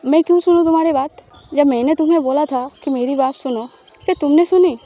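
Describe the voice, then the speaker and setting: A woman plays a smug, possessive young spouse in an audio story, teasing and coaxing with a smile in the words. The voice is high but mellow and soft. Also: brisk, natural voice.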